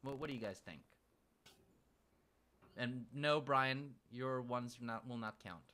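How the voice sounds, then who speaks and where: A man's voice: mid-range voice, slow, sharp tone. A man hosting a casual livestream, blunt and crude, often repeating his words as he restarts sentences. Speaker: livestream host.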